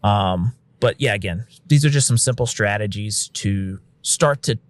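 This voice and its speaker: Casting: male paramedic on a podcast, lowish voice, frank and casual, dry close sound. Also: a little slow, no room sound. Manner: frank, conversational, uses occasional swearing; acts out quotes of what he'd say to patients. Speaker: paramedic and instructor.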